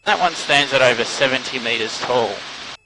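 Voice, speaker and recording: A man works as a helicopter tour guide, calling out landmarks in an informative way. His voice is mid-pitched and sits in loud, steady engine noise over the intercom. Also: normal speed. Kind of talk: tour commentary over a headset. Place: inside a flying helicopter.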